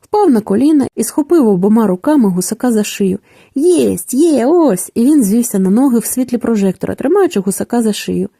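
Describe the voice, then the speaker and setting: A woman narrating a children's story in a calm, measured storytelling manner. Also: a little high, dry recording, studio quality. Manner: calm, measured storytelling with falling phrase endings.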